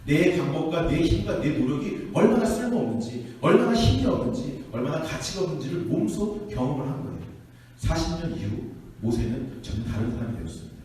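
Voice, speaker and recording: A man preaches to a youth group with a lively, swinging pitch and a quick pace, acting out each person in his stories. His voice is mellow and fairly high for a man. It was taken from a distance in a church hall with a long echo and faint room noise behind him. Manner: animated storytelling, acting out quotes. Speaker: youth pastor. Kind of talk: sermon. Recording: echoey hall from far off.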